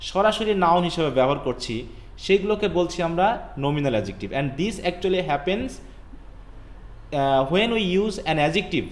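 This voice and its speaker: A male English grammar teacher with a Bangladeshi accent, giving a live online class that mixes English and Bengali, with slow, halting English full of "uh" and "actually" and quicker Bengali asides. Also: high voice. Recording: echoey room.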